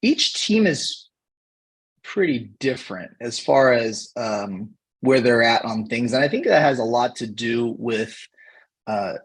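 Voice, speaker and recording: Cheer coach guest from Hawaii, male, 30s, slightly raspy voice, measured and pausing. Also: mid-range voice, a bit bright, low-quality recording. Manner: unhurried, pausing often to find words. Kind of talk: casual interview talk.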